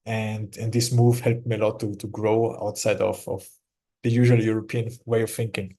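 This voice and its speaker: Austrian-accented man, mellow low voice. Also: level tone. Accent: Austrian German. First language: German. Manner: halting, many restarts and repeated words. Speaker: company executive guest. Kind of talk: casual interview talk.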